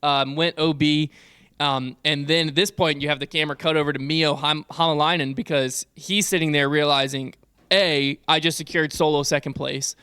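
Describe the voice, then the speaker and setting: Guy on a podcast mic, bright kinda high voice, rambly, fillers everywhere, dry sound. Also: fairly even intonation, moderate pace, clean tone, no echo. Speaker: podcast co-host. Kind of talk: casual sports podcast chat. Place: podcast studio. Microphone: studio podcast mic.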